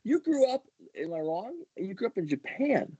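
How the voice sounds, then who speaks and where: A man's voice: high voice, big pitch swings, moderate pace, dark tone, husky, dry recording, dull audio. A man hosting a casual livestream interview, chatty and eager, often restarting his sentences. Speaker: host.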